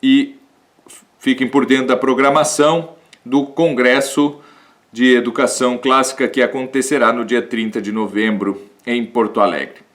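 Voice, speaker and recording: Man, live-streamed lecture, middle pitch, restarts, frequent tag questions. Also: steady tone, moderate pace, fairly bright tone. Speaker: lecturer on classical rhetoric.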